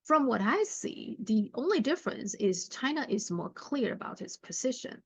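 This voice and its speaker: A woman hosting her own channel, reading viewer comments aloud and then giving her commentary in a measured way, often pausing on "uh". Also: a little high, very animated, vocal fry, slightly rough, dry recording. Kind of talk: commentary on current affairs.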